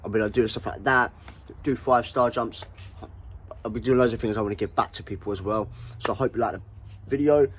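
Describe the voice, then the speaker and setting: A young man with a British English accent, vlogging outdoors in the woods on a handheld phone, loud, laddish and jokey. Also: on the low side, a little fast, long pauses, husky. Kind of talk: casual vlog chat.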